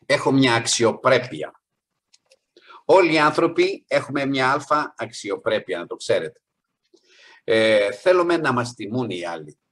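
A man's voice: mid-range voice, expressive, fairly bright tone. A man preaching a sermon, earnest, rising on key points and acting out the people in his stories.

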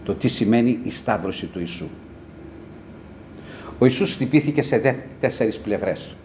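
A man preaching a sermon with passion, rising to loud cries and dropping to low murmurs. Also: animated, a little hiss or hum.

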